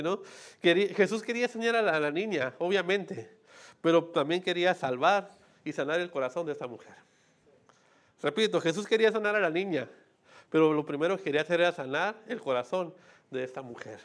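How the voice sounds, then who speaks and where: A man preaching a sermon in a conversational way, often asking "¿no?" and "¿sí?" and acting out quoted voices as asides. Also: sits high. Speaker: pastor.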